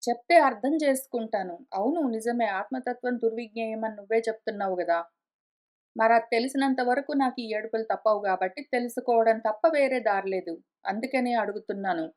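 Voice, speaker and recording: A woman's voice: on the high side, fairly quick, darkish tone, voice pushed down, lightly acted. A woman voicing Arjuna as an earnest young warrior pleading with his teacher to explain. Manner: pleading, insistent.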